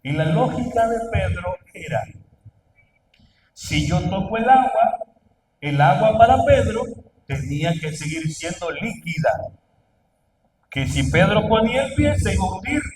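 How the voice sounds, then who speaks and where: A man preaching a sermon, asking the congregation questions and building to loud, emphatic calls. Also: high-pitched, lively intonation, measured pace, long pauses, distant mic, slight background noise, poor audio. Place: church.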